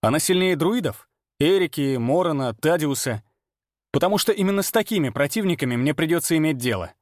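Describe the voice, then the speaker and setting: A man's voice: on the high side, lively intonation, fairly quick, dry recording, studio quality, pitched above the performer's own voice, natural voice. A man playing a blunt cocky young hunter. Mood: defiant. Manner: blunt, matter-of-fact.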